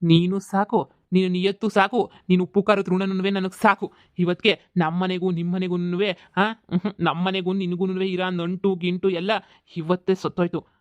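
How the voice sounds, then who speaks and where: A man voicing a bullying, foul-mouthed middle-aged village landlord who shouts insults and threats, in a comedy cartoon. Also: sits high, no echo, close to an everyday voice.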